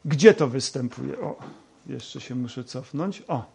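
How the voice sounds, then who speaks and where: A man teaching a Bible lesson, talking slowly with many hesitations and fillers. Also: medium pitch, lively intonation, gravelly, a little mellow, husky. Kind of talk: lecture with slides.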